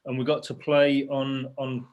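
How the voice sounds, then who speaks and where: A man's voice: medium pitch, completely flat delivery, unhurried, a little mellow, highs cut off. Easygoing English man telling a story. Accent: English, East Midlands. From Nottingham, England. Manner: easygoing storyteller, playful with the group. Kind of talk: casual video call chat. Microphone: video call.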